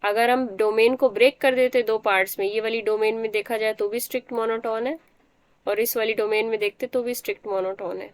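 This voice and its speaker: A woman's voice: on the high side, fairly even intonation, brisk, smooth, dry recording. A woman teacher giving a math lecture, explaining step by step and often checking that the students understand.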